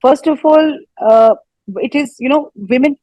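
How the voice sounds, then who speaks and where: A woman speaking on a video call as a debate panelist, her connection breaking up and cutting out as she talks in halting bits. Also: high voice, dark tone, low-quality recording. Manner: halting, stops to check she can be heard. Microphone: remote video call. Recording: patchy online call audio that drops in and out.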